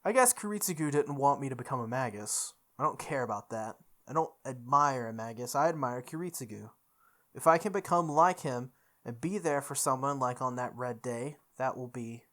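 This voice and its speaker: With game music in the background, a playthrough host gives a dramatic reading of visual novel narration. The voice is mid-range, expressive, and a bit bright, delivered at normal speed.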